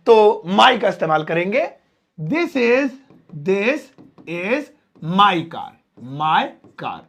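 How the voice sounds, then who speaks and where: A man's voice: sits high, a bit bright. A young man, an English teacher, giving a lesson in Hindi and stretching out the example sentences with heavy stress. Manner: slow, stressed teaching delivery, drawing out example words.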